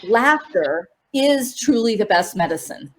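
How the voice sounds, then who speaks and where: A woman laughter coach leading an online workshop, upbeat and coaxing, with sudden high cheers. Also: expressive, a little slow.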